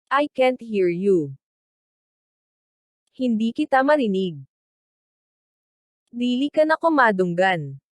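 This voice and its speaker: A woman teacher reads short phrases in a very slow, careful drill. Her voice sits fairly high, and the recording is dry and close. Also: very animated, no echo. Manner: reads each phrase slowly and deliberately. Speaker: language teacher. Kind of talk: slow read-aloud translation drill.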